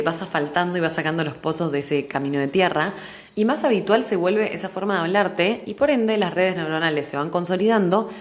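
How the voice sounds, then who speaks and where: A woman's voice: low-pitched, echoey room. A young woman with a Rioplatense Spanish accent hosting a solo podcast, explaining animatedly with everyday examples. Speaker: podcast host. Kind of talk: casual solo podcast talk.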